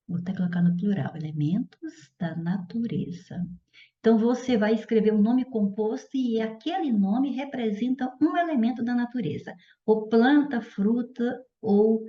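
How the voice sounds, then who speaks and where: A woman teacher giving a recorded grammar lesson, explaining step by step and often checking in with the listener. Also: fairly high pitch. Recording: echoey room, slightly dull sound.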